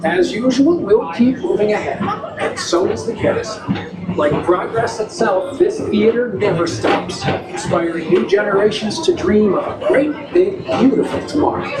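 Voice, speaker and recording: Echoey ride speakers and loud music frame an upbeat male tour guide. He gives scripted futuristic transit narration in a high voice. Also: lively intonation, moderate pace.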